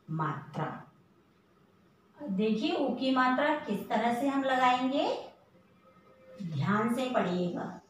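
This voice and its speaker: Slow, patient woman teaching in an echoey room. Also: fairly high pitch, far from the mic, a little hiss or hum. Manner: patient, asks questions and answers them herself; sounds out each letter slowly and deliberately. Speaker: primary school teacher. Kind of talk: slow classroom lesson for young children.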